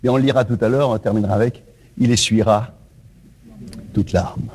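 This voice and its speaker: A man preaching a sermon to his congregation, swinging between loud rising lines and hushed low questions. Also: fairly even intonation, moderate pace, breathy edge.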